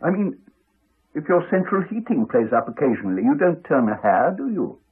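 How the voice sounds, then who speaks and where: A slightly high, somewhat husky male voice plays a courteous but crotchety English village doctor in a muffled 1980s radio drama recording. His delivery is dry, formal, and measured in its politeness, with lively rises and falls and a dryly evasive mood.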